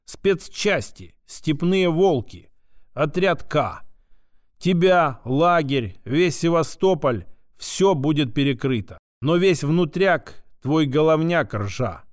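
A man's voice: on the high side, lively intonation, slow, no room sound, studio quality. A man voicing a sly, unflappable male official who speaks in a mocking, familiar drawl. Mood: mocking, firm.

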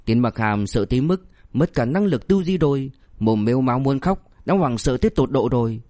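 A man narrating a novel as a steady, scripted audiobook reading. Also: mid-range voice, normal speed, dry recording, studio quality.

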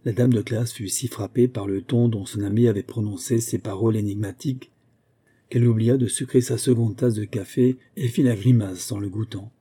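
A man narrating a novel as an audiobook, in a measured storytelling way. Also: fairly low pitch, steady tone, warm tone, husky.

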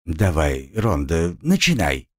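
A man's voice: deep voice, huge pitch swings, takes it slowly, voice pushed down, exaggerated voice. A man voicing a sadistic adult woman captor who purrs soothing words with mocking coldness. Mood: snapping. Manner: purring, mocking, coldly soothing.

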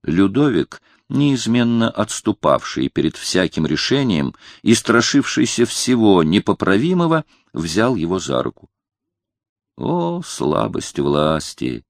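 A male narrator reads a novel aloud as an audiobook. His voice is low and measured, with a literary delivery. The recording is dry and close. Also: very animated, dry recording.

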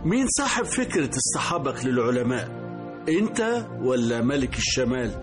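A man's voice: mid-range voice, very animated, brisk, music in the background, close to an everyday voice. A man playing a stern, principled king and father with an Egyptian accent in a radio drama. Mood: stern, probing.

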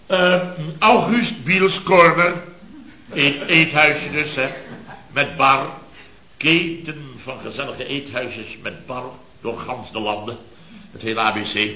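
A man's voice: fairly high pitch, slow, pushed and bright, a little hiss or hum. An actor playing a boastful, scheming male business boss in a 1960s radio serial, bragging in clipped fragments and tagging his claims with little questions. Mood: boasting. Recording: dull, roomy old radio recording.

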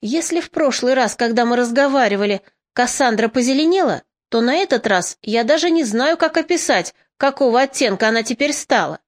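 A woman's voice: a little high, animated, fairly quick, few pauses. A woman narrating a first-person audiobook with a dry, wry storytelling manner.

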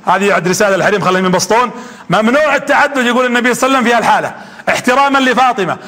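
A man's voice: very high voice, lively intonation, racing, sharp tone. A man preaching a sermon, telling stories with animation and quizzing his audience.

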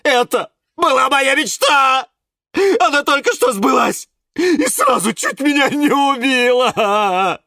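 A man's voice: expressive, slow, vocal fry, bright, forceful tone, dry recording, studio quality, full character voice. A man voicing a dramatic, whiny male Venus flytrap who howls and wails. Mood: panicked. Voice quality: howling, wailing, shrill. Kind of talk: storybook narration.

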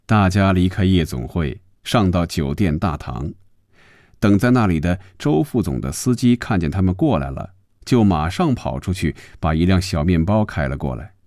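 A deep-voiced man narrating a novel for a radio audiobook. He tells it expressively, his low voice rising and falling widely. The recording is dry and close. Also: normal speed, no room sound. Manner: expressive, fluid storytelling.

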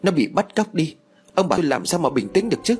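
A man's voice: high voice, very animated, fast, a little mellow, husky, soft background music, voice pushed up, exaggerated voice. A man reading an audio story, voicing a grief-stricken older mother who wails and blames her husband. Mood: distraught. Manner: tearful, pleading outbursts.

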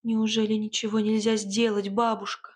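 A woman voicing a timid young tsar's daughter who speaks in a high, trembling, pleading voice. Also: flat delivery, moderate pace, breathy edge, natural voice.

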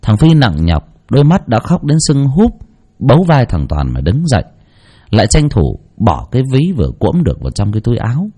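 Husky, mellow male storyteller. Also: mid-range voice, a little fast. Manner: expressive, mocking asides. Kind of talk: scripted narration of a spooky folk story.

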